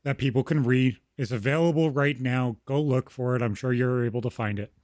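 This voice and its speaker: A man co-hosting a casual political podcast, with a voice of ordinary pitch. He is blunt and curses often as he makes his case. The recording is dry and close, with no room sound. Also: steady tone, fairly quick, a little mellow, no echo. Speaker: podcast co-host.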